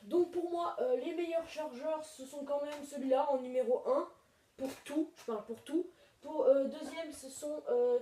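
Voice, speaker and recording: A woman's voice: high-pitched, moderate pace, mellow. A woman hosting a casual home video review, rambling with lots of hesitations. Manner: rambling, many hesitations and fillers. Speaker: video host reviewing toy blaster magazines. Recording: echoey room, mic far off, noisy.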